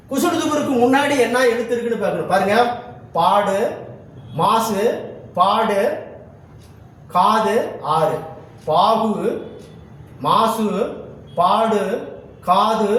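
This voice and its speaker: A man teaching a grammar lesson for exam students, going through examples one by one and often stopping to check that the class is following. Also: high-pitched. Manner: repeats a checking question after each point. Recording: very echoey room, voice from far off.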